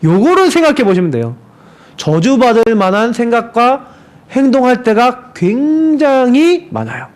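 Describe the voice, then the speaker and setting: A man preaching a sermon in a high, ringing voice that climbs and falls in wide swoops. He acts out quoted lines and keeps asking his listeners rhetorical questions. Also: sing-song, measured pace. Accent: Seoul Korean. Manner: asks the congregation rhetorical questions. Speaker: pastor.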